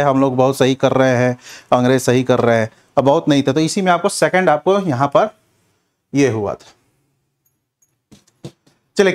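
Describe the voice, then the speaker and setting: This exam coaching teacher, whose voice is on the high side, delivers a Q&A revision lecture, staying instructive and repeatedly using check phrases.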